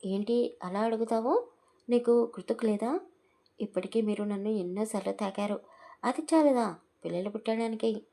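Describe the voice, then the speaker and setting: A woman's voice: a little high, fairly even intonation, moderate pace, creaky, mellow. A woman voicing a naive innocent young bride. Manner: wide-eyed, pleading questions.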